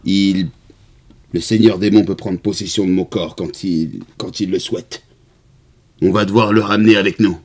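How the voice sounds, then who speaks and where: A man's voice: deep voice, fairly even intonation, moderate pace, a little mellow. A man chatting casually as a player in a tabletop role-playing game.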